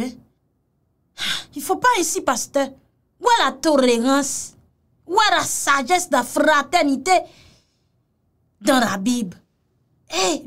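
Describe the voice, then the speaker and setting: High, lively woman commentator. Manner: mocking and exclamatory, repeats phrases, mixes in Creole. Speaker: commentator reacting to a video clip. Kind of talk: casual reaction commentary.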